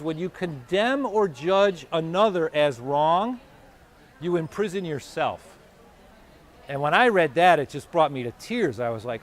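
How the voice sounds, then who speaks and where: A man giving a live self-help talk at an expo, conversational and animated, acting out his own inner voice. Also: on the high side. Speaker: motivational speaker. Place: expo hall or venue.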